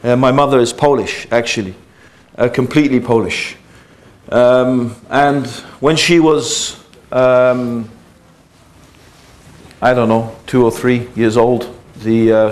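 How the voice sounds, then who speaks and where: A middle-aged man lecturing an audience about his own story. He talks in a loose, conversational way, with many fillers, asides and restarts, at a medium pitch. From England. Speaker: Islamic lecturer. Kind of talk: informal religious lecture.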